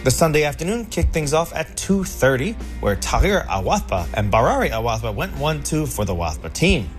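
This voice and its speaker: A fairly high, sing-song male voice delivers a scripted horse racing results recap as the show's narrator, speaking fairly quickly with music playing underneath.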